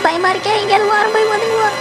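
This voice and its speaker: A woman's voice: extremely high pitch, fairly even intonation, very fast. A woman voicing a panicky village woman in a cartoon, wailing and crying out in fright. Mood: frightened. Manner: shrieking, wailing "aiyo" in fright. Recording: music playing behind the voice.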